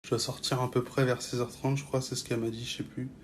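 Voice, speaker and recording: Jeune Français au parler cru, son bruité. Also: male voice, medium pitch, level tone, fast talker, slight background noise. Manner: offhand, blunt, swearing. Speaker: vlogger filming stories for followers. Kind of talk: casual chat to camera, slangy.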